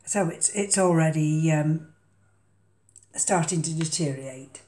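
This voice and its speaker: An older woman talks through her orchid potting at an unhurried pace, stopping often for ums and uhs. Her voice sits low and mellow. The kitchen around her gives a roomy echo. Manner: hesitant, lots of ums and uhs. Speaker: orchid vlogger. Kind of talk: casual chat while potting a plant. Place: home kitchen.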